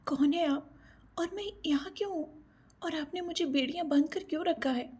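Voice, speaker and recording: A woman voicing a timid, frightened young woman in an audio story, speaking softly and pleadingly in a raised voice. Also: sits high, normal speed, pitched above the performer's own voice. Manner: pleading, soft and shaky.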